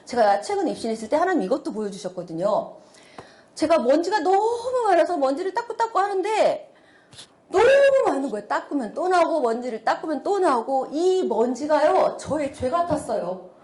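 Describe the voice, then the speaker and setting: A middle-aged woman delivers a church testimony with a high, swooping voice. She talks in an animated way, exclaiming and laughing often. The sound carries a roomy echo. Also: moderate pace. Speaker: church speaker giving testimony. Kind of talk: testimony sermon.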